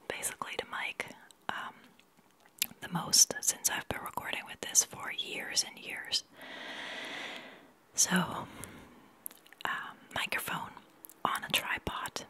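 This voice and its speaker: A young adult woman leaning in close to the microphone, speaking in a soft, breathy whisper as she chats casually to viewers as an ASMR host. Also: poor audio. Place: small attic studio, indoors. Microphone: large microphone close to the mouth.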